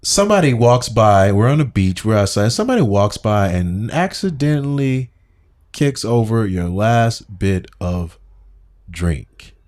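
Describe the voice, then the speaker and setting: A low-pitched man in a relaxed podcast conversation, joking and laughing between stories. His pitch swings widely as he animates his points with slang and playful asides. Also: measured pace. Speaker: podcast co-host. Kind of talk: casual podcast chat.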